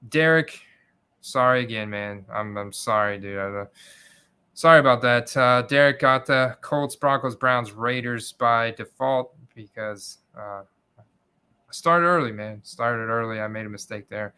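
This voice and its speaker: A man's voice: mid-range voice, steady tone, measured pace, bright, forceful tone, clear, resonant tone. A man hosting a livestream, chatting casually and informally with his viewers. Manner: informal, addresses viewers as guys. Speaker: livestream host.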